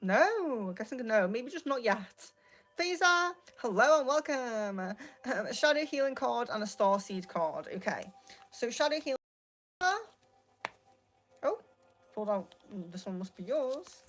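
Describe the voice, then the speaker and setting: A woman hosting a casual live card reading, speaking in a gently reassuring, meandering and hesitant way. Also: on the high side, animated, a little slow, faint music behind. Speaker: tarot and oracle card reader, live host.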